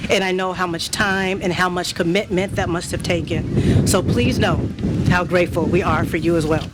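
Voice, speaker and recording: A middle-aged woman from Indiana gives a warm, personal tribute speech at a dedication ceremony, laughing often and sometimes emotional. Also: lowish voice, fairly even intonation, moderate pace, heavy background noise. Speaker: college staff member giving a dedication speech. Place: event hall with an audience.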